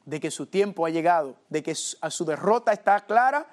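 A man with a high-pitched voice delivers a teaching sermon. He speaks to his listeners as family and keeps checking in with rhetorical questions. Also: lively intonation, a little fast. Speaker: preacher. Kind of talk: sermon, Bible study teaching.

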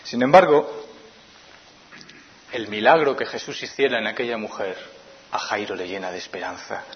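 A man preaching a sermon in a Spain Spanish accent, swinging from loud emphatic lines to near-whispers. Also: lowish voice, normal speed, a little hiss or hum. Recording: muffled lo-fi recording.

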